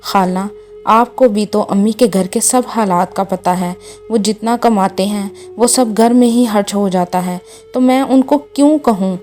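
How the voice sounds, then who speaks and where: A woman's voice: mid-range voice, a little mellow, soft background music, natural voice. A woman voicing a young wife who pleads tearfully with her husband and mother-in-law. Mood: pleading.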